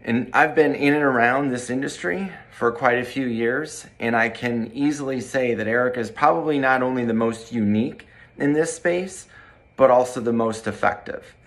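A man's voice: medium pitch, moderate pace. Earnest man reading a testimonial. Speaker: corporate training director. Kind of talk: read testimonial to camera. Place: bright room by large windows, indoors.

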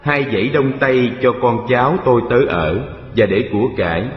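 A man's voice: mid-range voice, lively intonation, moderate pace, lightly acted. Man narrating as a busy rich old man, echoing. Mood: matter-of-fact. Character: busy, worldly eighty-year-old rich Brahmin man. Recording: echoey hall reverb, dull sound, music behind.

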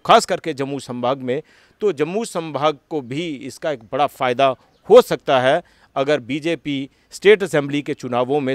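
A man's voice: a little high, dry recording. Formal male news anchor, dry sound. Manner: formal, measured commentary with occasional hesitations. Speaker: news channel interviewer and anchor. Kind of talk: political interview wrap-up.

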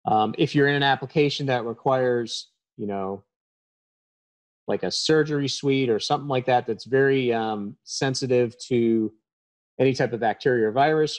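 With a medium-pitched, darkish voice, this HVAC trainer in his thirties delivers a technical presentation in a plain-spoken, explanatory manner. He says um often, and the sound comes through a webcam.

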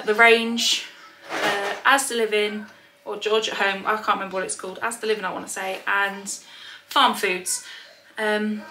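A woman's voice: medium pitch, bright, forceful tone, rough recording. A British woman chatting casually to camera as a haul vlogger, slightly out of breath, rambling with lots of ums. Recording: clear background noise with clicks.

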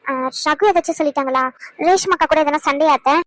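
A woman voicing a soft, hesitant young daughter-in-law in a cartoon. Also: high voice, fast, poor audio. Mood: timid. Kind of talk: cartoon voice acting.

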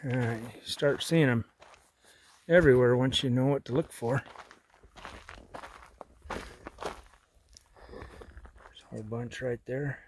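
This middle-aged man, a vlogger, talks his way along a rocky desert trail in an easygoing manner, pointing out sights that readily impress him. His voice sits in the mid-range, moving at a slow pace with long pauses over slight background noise.

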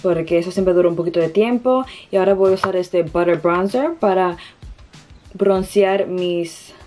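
Soft background music accompanies this young beauty vlogger from the Dominican Republic as she talks through a makeup tutorial indoors in her bedroom. Speaking with a Dominican Spanish accent, she hesitates and searches for words, her voice on the low side, darkish and at normal speed.

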